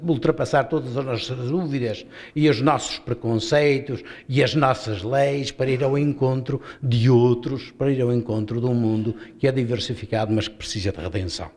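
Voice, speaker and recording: A man with a European Portuguese accent leads a guided Bible study as a bishop. He explains the passage step by step in a mid-pitched voice, stopping to restart and asking rhetorical questions. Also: steady tone, normal speed, a little mellow. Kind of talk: guided Bible reading talk. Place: seminary hall.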